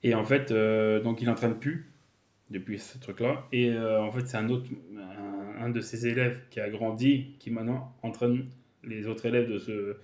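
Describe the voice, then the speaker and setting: A man casually reviewing a television series, talking haltingly with many fillers and self-corrections. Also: lowish voice, steady tone, darkish tone. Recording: echoey room.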